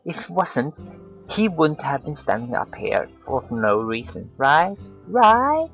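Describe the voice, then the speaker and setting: A man's voice: on the high side, slow, gravelly, highs cut off, soft background music, pitched above the performer's own voice, full character voice. A man putting on a giggly bubbly schoolgirl. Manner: giggly, sing-song, lively. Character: bubbly cheerful teenage schoolgirl, chatty interpreter.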